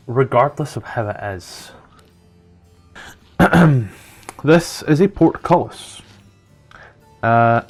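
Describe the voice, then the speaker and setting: A man with a Scottish accent narrating a tabletop game as game master, rambling and chatty as he describes the scene. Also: medium pitch. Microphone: own microphone.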